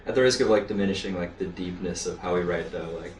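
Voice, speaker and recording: A man from Florida, a rhythm guitarist guesting on a radio show, telling a story hesitantly with many pauses. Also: low-pitched, a little hiss or hum. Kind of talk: casual radio interview. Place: radio studio. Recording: echoey, distant from the mic.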